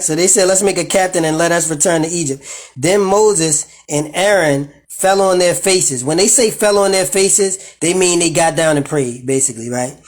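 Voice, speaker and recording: A man reading scripture and retelling it in profane, animated slang. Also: on the high side. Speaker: bible study teacher. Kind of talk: casual bible reading with commentary.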